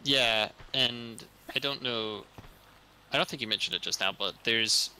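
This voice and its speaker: A man's voice: mid-range voice, unhurried, bright, forceful tone, slight background noise, rough recording. A man giving casual speedrun commentary, chatty and rambling, with lots of fillers and easy laughs.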